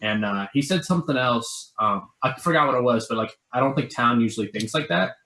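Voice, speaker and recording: A man's voice: mid-range voice, bright, forceful tone. A man hesitantly giving his reads in a party game, full of ums and uhs. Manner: halting, many ums and uhs. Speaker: game player. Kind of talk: casual game discussion. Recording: roomy echo.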